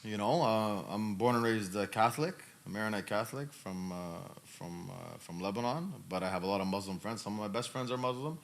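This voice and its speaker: Brisk and hardly pausing, a man in his thirties with a fairly low voice answers questions as a podcast host. The talk is casual, with emphatic, repeated phrases.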